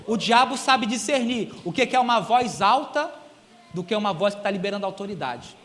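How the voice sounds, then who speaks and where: A Brazilian man preaching a sermon in a church, emphatic and animated, swinging between loud emphasis and quiet asides. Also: high-pitched, a little fast, in a large hall. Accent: Brazilian Portuguese. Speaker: guest preacher. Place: large church hall.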